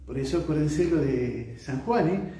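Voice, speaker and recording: A priest preaching a conversational sermon, asking rhetorical questions and acting out quotes. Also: male voice, on the high side, lively intonation, measured pace, mellow. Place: community house chapel, livestreamed mass. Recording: very echoey room, far from mic.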